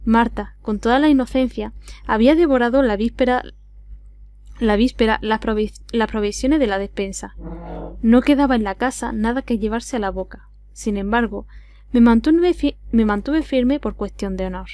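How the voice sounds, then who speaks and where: A woman's voice: a little high, normal speed, darkish tone. A woman with an Andalusian accent reading a classic adventure novel aloud as scripted narration. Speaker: audiobook reader.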